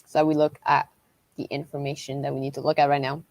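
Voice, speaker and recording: Low-voiced woman giving live storm commentary. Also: little pitch movement, darkish tone, no room sound. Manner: halting, repetitive explaining. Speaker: livestream weather host.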